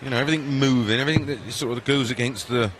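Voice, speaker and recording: A man's voice: medium pitch, racing. A man giving conversational analysis as co-commentator on a live darts match. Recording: very loud crowd and noise. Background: roaring darts arena crowd.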